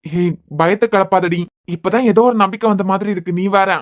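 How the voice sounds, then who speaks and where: A woman's voice: mid-range voice, steady tone, a little fast, close to an everyday voice. A woman voicing a teasing young husband in a cartoon web series, with a Kanyakumari Tamil accent and a playful, bantering manner.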